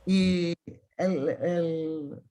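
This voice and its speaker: Her voice is on the low side and dark, with fairly even intonation and a very slow pace. She is a Thessaloniki-born woman in her seventies, appearing as a guest historian in a conversational interview, and she speaks with a Salonica Judeo-Spanish accent, emphatic and insistent, repeatedly restarting her phrases.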